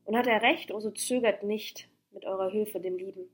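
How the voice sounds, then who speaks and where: A woman's voice: mid-range voice, fairly even intonation, moderate pace, natural voice. A woman voicing a grieving noble old mother in an audiobook, pleading and solemn.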